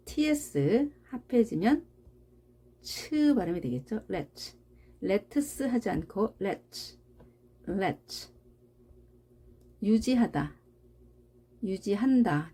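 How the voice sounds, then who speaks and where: Female language teacher; mellow, slightly breathy tone, deliberate unhurried delivery with repeated example words. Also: medium pitch. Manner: explains patiently with rhetorical questions. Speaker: English teacher. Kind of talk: grammar lesson.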